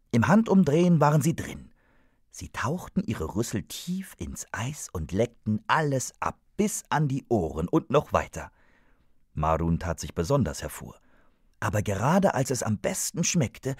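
A man narrating a children's story in an expressive, animated scripted reading. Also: medium pitch, husky, no echo, studio quality.

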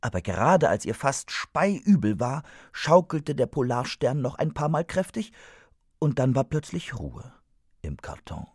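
Husky-voiced male storybook narrator. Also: medium pitch, very animated, a little slow, darkish tone, no echo, studio quality.

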